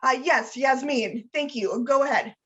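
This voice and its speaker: Woman voicing a male math professor, stiff, hesitant, slightly high voice, muffled call audio. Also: moderate pace, fairly bright tone, close to an everyday voice. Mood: apologetic. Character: well-meaning male math professor, awkward about pronouns. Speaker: student leader reading a training scenario. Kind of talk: read-aloud role-play scenario.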